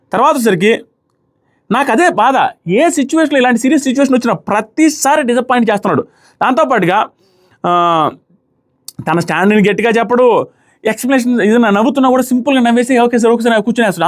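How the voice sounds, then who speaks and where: A young man with a very high voice reviews a reality show, offering casual, opinionated commentary. He's emphatic and packs his talk with rhetorical questions.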